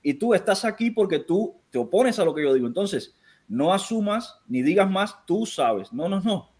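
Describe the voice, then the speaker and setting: A man's voice: high voice, very animated, moderate pace, a little mellow. A Cuban man with a Cuban Spanish accent hosting a live stream, firmly interrupting a caller and insisting on his own views. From Cuba. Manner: firm, interrupting, insists on not being told what he knows. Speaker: channel host.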